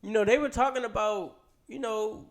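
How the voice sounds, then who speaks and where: A man co-hosting a casual podcast, animated and quick to laugh. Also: high-pitched. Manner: animated, laughs often, loses his train of thought. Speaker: co-host.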